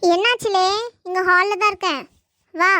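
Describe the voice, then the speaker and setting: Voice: extremely high pitch, steady tone, moderate pace, sharp tone, no echo. A performer voicing a grumpy, sarcastic grandmother in a family comedy cartoon, scolding and brushing off her grandson. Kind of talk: family comedy skit dialogue.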